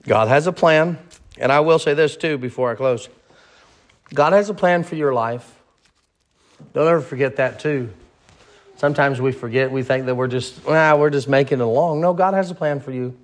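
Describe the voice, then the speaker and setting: A man's voice: mid-range voice, moderate pace. A man in his thirties leading an informal Bible study, talking plainly and repeating phrases for emphasis. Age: 30s. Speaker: pastor.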